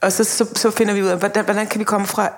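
A woman director talking casually on a podcast, animated, acting out quotes and laughing as she talks. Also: medium pitch. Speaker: film director, guest.

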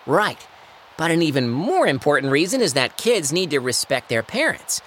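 Bob the Tomato: a teaching tomato. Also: male voice, on the high side, big pitch swings, normal speed, a little hiss or hum. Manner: warm, gently teaching, scripture-quoting. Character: friendly male tomato show host. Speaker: host. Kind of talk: cartoon audio play.

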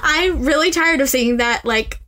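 A young woman co-hosting a casual fan podcast, chatty and quick to laugh, with lots of fillers. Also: high voice, sharp tone. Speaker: podcast co-host.

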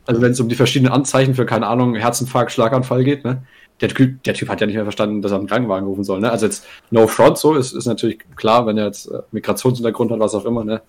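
Young male podcast co-host, rapid storyteller, slangy, giggles mid-line. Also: mid-range voice, steady tone, a little mellow. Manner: rambling, crude slang, laughs mid-sentence, many "ne?" tags. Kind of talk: casual storytelling chat.

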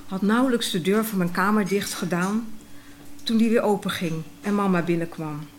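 A woman reading a first-person diary story aloud in a reflective, expressive way. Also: medium pitch, moderate pace, a little hiss or hum.

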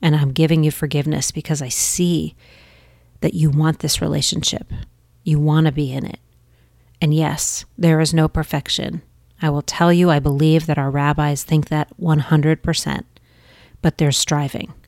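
Low-voiced woman giving earnest spiritual teaching. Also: little pitch movement, normal speed, gravelly, no echo, clean studio sound. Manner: gentle, earnest, with soft restarts and Hebrew terms.

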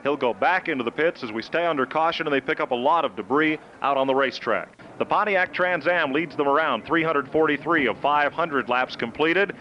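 A male motorsport commentator reports on a live race in a somewhat high voice. He describes the action in full sentences. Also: a little fast, dull audio, a little hiss or hum.

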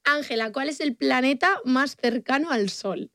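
A young woman with a Spain Spanish accent, co-hosting a casual podcast with lively stories and frequent laughter. Her voice sits a little high. The recording is close and dry. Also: a little slow, no echo. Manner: playful, animated storyteller, laughs a lot. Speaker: podcast co-host. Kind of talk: casual chat.

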